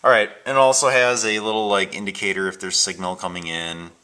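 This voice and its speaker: This American man has a lowish, bright, forceful voice with a clean tone, speaking briskly with flat delivery. As an amateur video maker, he hesitantly thinks aloud during an unscripted show-and-tell of his gadgets indoors at home and in a workshop, captured in noisy home video with handling clicks.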